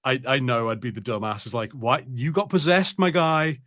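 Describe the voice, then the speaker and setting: A man co-hosting a film podcast banters casually during a watch party, cracking jokes and swearing a bit. His mid-range voice is a bit bright and moves at a moderate pace, captured with studio quality and no echo.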